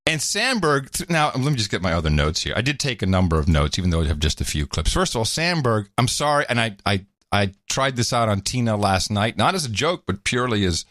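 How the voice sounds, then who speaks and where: A man co-hosts a podcast in casual, sarcastic commentary, often slipping into mocking voices. His pitch swings widely. The sound is dry and close, with no room in it. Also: fast, hardly any pauses, no echo. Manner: animated, sarcastic, jumps into mock voices. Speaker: podcast co-host.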